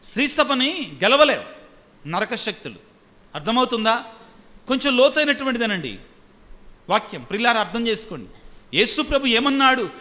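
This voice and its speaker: High, bright-voiced preaching priest. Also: male voice, very animated, moderate pace, pauses often. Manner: emphatic preaching, repeating phrases and asking the congregation questions. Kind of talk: sermon. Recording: long hall reverb.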